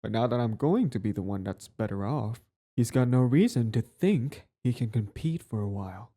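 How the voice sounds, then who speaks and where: A man with a warm, natural, mid-range voice speaks at a moderate pace in an animated way. In a casual, wry one-sided romantic audio roleplay, he plays a cocky villain who is easily flustered and devoted to his date. The conversational delivery carries a bitter, scheming mood.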